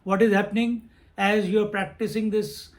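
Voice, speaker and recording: A man's voice: sits high, little pitch movement, normal speed. A man giving a spiritual discourse on scripture, repeating phrases and chanting verses. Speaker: swami teaching scripture.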